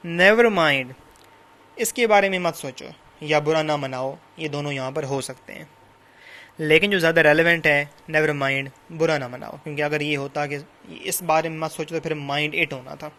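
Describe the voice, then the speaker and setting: A man's voice: a little high, steady tone, normal speed, bright, forceful tone. Man giving a patient literature lecture. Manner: explains English words by listing translations and synonyms; repeats and rephrases points patiently. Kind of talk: recorded classroom lecture.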